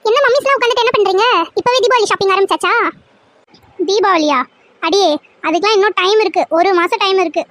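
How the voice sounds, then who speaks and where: A woman plays a playful young bride-to-be in a cartoon serial. Her voice sits very high and she talks briskly. The sound is dry and close. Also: a bit bright, no echo. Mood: teasing.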